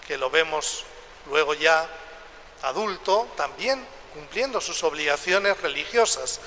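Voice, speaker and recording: Priest guy preaching real slow, bright kinda high voice, big church echo all around. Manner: slow, measured, adds a questioning "eh?". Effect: echo of a large church. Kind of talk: Mass reading and homily. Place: church during Mass. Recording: long church reverb, faint background noise.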